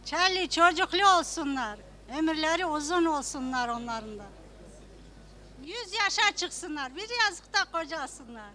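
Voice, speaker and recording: A woman's voice: high voice, expressive, unhurried, bright, forceful tone. A woman speaking as a wedding guest, offering short congratulatory blessings.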